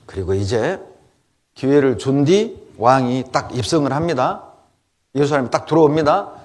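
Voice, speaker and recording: A middle-aged man preaches with lively, swooping intonation, firing off repeated rhetorical questions to press each point. His voice sits at an ordinary male pitch and moves a great deal. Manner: emphatic rhetorical questions and repetition. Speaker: pastor. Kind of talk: sermon.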